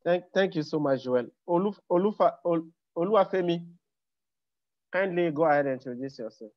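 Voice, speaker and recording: A man's voice: fairly high pitch, brisk, no room sound. A man moderating an online meeting as host, formal in tone, often hesitating and repeating words. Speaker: webinar host. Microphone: video call. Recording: dry, dull online call.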